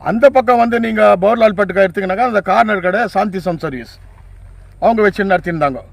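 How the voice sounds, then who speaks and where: The speaker is an older man with a high, gravelly voice who talks fast, recorded dry. Interviewed casually about his years as a sound operator, he lists things from memory in a repetitive way and stays deferential, frequently saying "sir."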